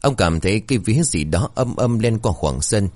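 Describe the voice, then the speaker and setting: Deep-voiced man telling a horror story. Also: expressive, normal speed, darkish tone, dry recording. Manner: dramatic, suspenseful. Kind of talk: scripted horror story narration.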